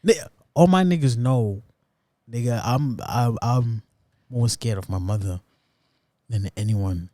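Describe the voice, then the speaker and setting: A man's voice: mid-range voice, measured pace, mellow, dry recording. A young man from Africa co-hosting a casual chat, talking in slangy, profane rambles. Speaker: podcast co-host.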